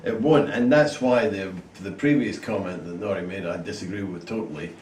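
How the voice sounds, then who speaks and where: A man's voice: deep voice, a little fast, a little mellow. A blunt man gives sweary opinions as a guest on a casual panel. His voice comes from a distance in a roomy space. Faint hiss sits underneath.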